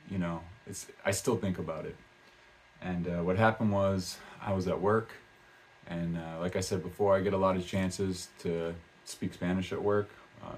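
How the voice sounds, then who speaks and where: A man's voice: sits low, darkish tone, a little hiss or hum. A man talking casually in a vlog about learning a language, rambling with lots of "um" and "uh" and restarting his sentences. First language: English. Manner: rambling, many fillers and restarts.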